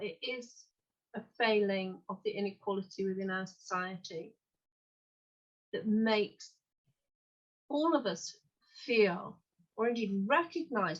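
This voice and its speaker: A woman speaks earnestly on an online panel, measured but emphatic. Her mid-pitched voice comes through slightly dull, lo-fi call audio. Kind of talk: informal panel talk.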